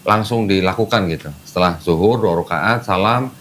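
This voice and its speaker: A man's voice: low-pitched, moderate pace, a bit bright, slight background noise. A man patiently explaining religious practice step by step, repeating key terms, in casual conversation indoors. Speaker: Islamic teacher guiding a convert. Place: indoors, air-conditioned room.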